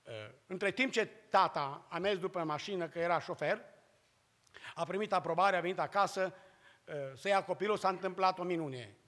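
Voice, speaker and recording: A man from Romania preaching a sermon and telling a testimony, swinging between loud cries and hushed storytelling. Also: high voice. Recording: long hall reverb.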